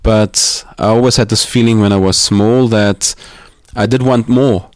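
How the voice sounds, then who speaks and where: A man from Austria in his thirties, talking as an interview guest in a living room, reflective and hesitant, with many pauses and restarts. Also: lowish voice, fairly even intonation, no echo, studio quality. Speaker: podcast guest. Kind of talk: casual interview talk.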